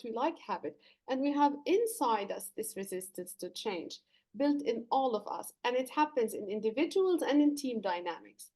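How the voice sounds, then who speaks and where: Her voice sits on the high side and sounds warm. She's a Lebanese leadership coach answering podcast interview questions, earnest and explanatory about her work, with some fillers and false starts along the way.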